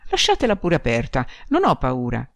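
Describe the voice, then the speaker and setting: A woman's voice: extremely low pitch, huge pitch swings, moderate pace, no room sound, clean studio sound, heavily acted. Woman playing a frightened young bride. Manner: pleading, agitated.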